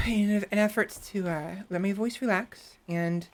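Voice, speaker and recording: A woman VTuber chats casually while streaming a game, her soft, hesitant voice medium in pitch, slow, and gravelly with vocal fry. She stays close to her desk mic, reflecting on herself and restarting many times.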